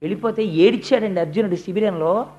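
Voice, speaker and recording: A devotional storyteller recounts an epic. The delivery swings between forceful bursts and quiet, hushed stretches. It sounds like a dramatic spoken discourse. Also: mid-range voice, a little fast, highs cut off. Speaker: religious storyteller.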